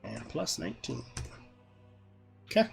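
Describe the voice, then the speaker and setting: A man running a tabletop game as dungeon master, calmly explaining rules and calling turns. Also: medium pitch, measured pace, creaky, slightly rough, faint music behind. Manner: patient, rule-explaining, easygoing.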